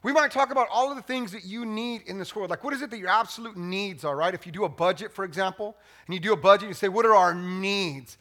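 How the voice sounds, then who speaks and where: A man's voice: high voice, fast talker, few pauses, fairly bright tone. A man preaching a sermon as pastor, conversational and joking, often repeating words as he restarts.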